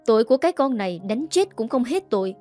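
A woman's voice: a little high, big pitch swings, fast talker, a little mellow, soft background music. A woman voicing a furious, cruel middle-aged mother-in-law who scolds harshly.

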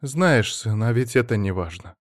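A man's voice: fairly low pitch, expressive, normal speed, no room sound, clean studio sound. A man voicing a shrewd, practical middle-aged mother in an audiobook, raising his voice to play her. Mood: advising. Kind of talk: audiobook reading.

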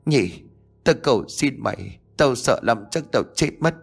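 A man's voice: expressive, a little slow, gravelly, husky, faint music behind, exaggerated voice. A man voicing a terrified young man who pleads with a ghost in a ghost story. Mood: sobbing pleading. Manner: panicked, pleading, high-strung.

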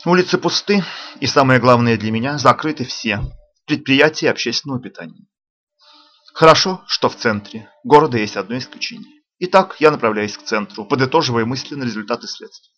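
A man's voice: mid-range voice, lively intonation, brisk, a bit bright. Man reading a detective audiobook. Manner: dry, ironic. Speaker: audiobook narrator. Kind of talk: first-person detective narration. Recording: dull lo-fi audio.

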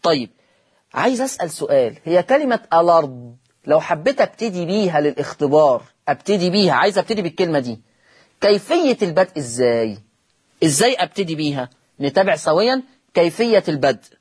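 A man with an Egyptian accent teaches the rules of Quran reading. He explains step by step, asks the class questions, and recites the examples slowly and drawn out. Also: high voice, husky. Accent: Egyptian Arabic.

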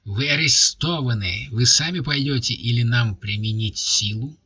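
A man voicing a gruff, moustached city guard officer who barks orders and threats. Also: mid-range voice, normal speed, pushed and bright, dry recording, dull audio. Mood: barking orders. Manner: gruff, barking commands.

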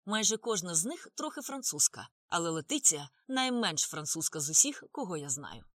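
A woman reads as a talkative Frenchman with a drawling, theatrical way of speaking, his lines rising and falling with lively melody. The voice sits close and dry, with no room sound. An audiobook scene at a restaurant table. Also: on the low side, brisk, no room sound. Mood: musing. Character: talkative witty Frenchman, middle-aged.

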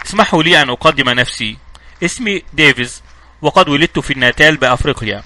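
A man's voice: a little high, quick pace, bright, forceful tone, dry recording. A man voicing a sturdy, jovial middle-aged man who talks like a generous host. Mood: hearty. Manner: hearty, hospitable.

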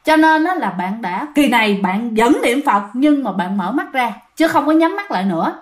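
A woman narrates a ghost story. Her voice sits slightly high. She talks in a chatty way and keeps turning to address her listeners directly. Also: lively intonation, normal speed.

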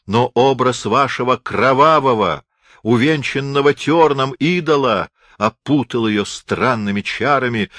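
A man's voice: no room sound, studio quality. A man voicing a defiant, bitter Moorish knight. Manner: declaiming loud and high, defiant. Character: proud defeated Moorish knight, male, bitter. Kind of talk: audiobook character reading.

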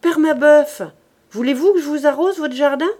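A skinny, ragged young girl speaks bluntly and boldly, as a woman gives her voice. Her lines are delivered slowly, in the measured pace of a storybook reading. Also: high voice, animated, darkish tone, pitched above the performer's own voice.

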